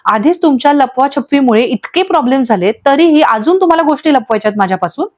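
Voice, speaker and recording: A woman's voice: high voice, expressive, quick pace, muffled recording. A woman voicing a distraught young wife who pleads and accuses through tears in a storybook recap. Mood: tearful, angry. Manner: pleading, accusing, breaking into sobs.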